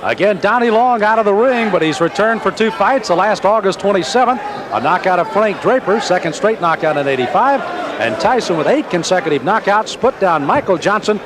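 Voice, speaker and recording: A man's voice: sits high, animated, a little fast. An American man working as a sportscaster, giving live boxing commentary. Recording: broadcast over loud crowd and noise. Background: arena crowd.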